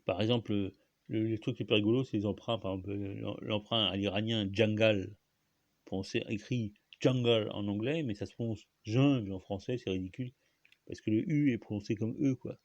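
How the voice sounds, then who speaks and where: A man with a fairly low voice talks alone about where words come from. He hesitates and restarts often and stops to cough. The sound is dry and close, with little room echo. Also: fairly even intonation, moderate pace, dull audio. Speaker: host. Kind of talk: rambling solo talk on language.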